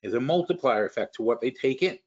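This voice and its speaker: A man's voice: mid-range voice, lively intonation, fast talker, darkish tone, dull audio. A man hosting a stock market webinar, explaining finance in a rambling way with frequent restarts and worked examples. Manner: rambling, restarts often, talks through examples. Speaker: webinar host.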